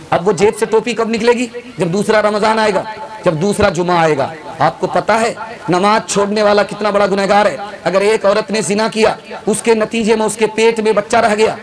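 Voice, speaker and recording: A man's voice: sits high, low-quality recording. A man preaching a sermon at a mosque gathering, fervent and repetitive, calling the crowd to raise hands. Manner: fervent, repeats lines, sings verses slowly.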